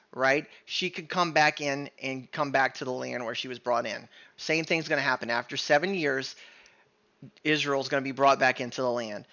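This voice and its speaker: A man leads an informal bible study, talking earnestly and stopping often to check in with his listeners or correct himself. His voice is bright and forceful. The audio is dull and lo-fi. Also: medium pitch. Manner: earnest, conversational, many "right?" checks and self-corrections. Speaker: bible teacher.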